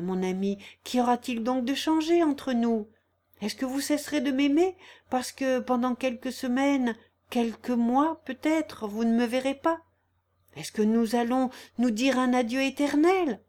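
A woman reading the part of a proud, gentle, resolute young woman in an audiobook, earnest and persuasive. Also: on the high side, lightly acted. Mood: reassuring.

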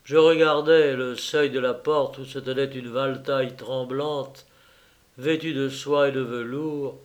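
A man narrating an adventure story in a steady, deliberate reading. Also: medium pitch. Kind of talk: audiobook narration.

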